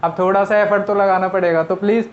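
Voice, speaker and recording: A man's voice: high-pitched, fairly even intonation, quick pace. A man teaching a shorthand class in a casual, step-by-step way, often repeating himself and explaining as he writes. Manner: talks while writing on a board, repeats and explains step by step. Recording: slightly dull, lo-fi sound.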